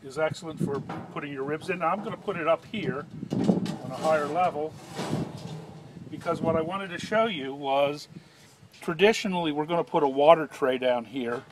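A man in his fifties demonstrating a product outdoors, with a chatty, joking salesman's patter. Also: fairly high pitch. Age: 50s. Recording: audible outdoor background noise.

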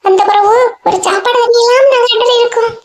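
A woman with a Kanyakumari Tamil accent voices village women in a cartoon story in a chatty, scolding, gossipy way. Her voice is very high. The recording is roomy. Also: fairly even intonation, fast talker. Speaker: cartoon voice artist.

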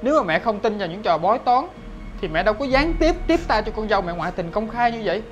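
Actor as betrayed young husband, quick and blunt; web drama with music bed. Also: male voice, sits high, expressive, highs cut off. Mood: cold. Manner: cold, blunt, accusing. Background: background music.

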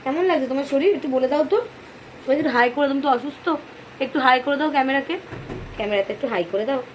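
Hoarse mother vlogging on a phone at home, slightly high voice, chatty and coaxing, noisy room. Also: fast. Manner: chatty, coaxing her baby in between. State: hoarse from a cold. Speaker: mother vlogging about her sick baby. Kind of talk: casual vlog narration.

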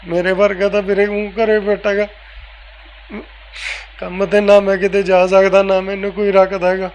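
A man speaks in a high, flat voice. He answers softly and casually in an interview. A faint background ambience sits under his voice. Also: normal speed, slight background noise, low-quality recording. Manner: soft-spoken, repeats "veere" often. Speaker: interviewee, family member.

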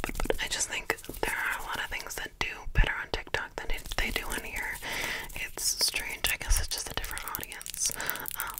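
A young adult woman speaks in a fast ASMR whisper, very close to the microphone. She often repeats words and short phrases, keeping everything hushed and unvoiced. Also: rough recording. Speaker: ASMR video creator. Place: small dim room indoors. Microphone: desktop condenser microphone, very close.

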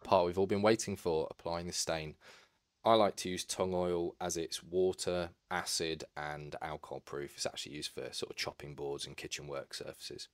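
A man calmly giving practical, step-by-step woodwork restoration advice as a voice-over. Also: sits low, moderate pace, dry recording. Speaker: woodwork tutorial narrator. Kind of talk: instructional voice-over.

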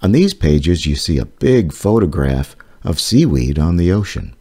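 An author reads his own educational children's book aloud, choosing his words deliberately and explaining things for young listeners. His voice sits low and sounds husky and dark, yet very animated.

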